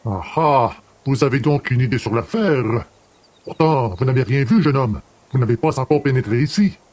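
An actor playing a calm, ironic police detective of about fifty, speaking in a dry and unhurried way. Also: male voice, medium pitch, lightly acted. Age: 50s. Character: cool ironic middle-aged male police detective.

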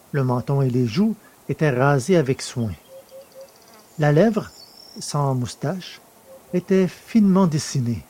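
A man narrating a story in the first person, in a measured storytelling manner. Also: on the high side, darkish tone.

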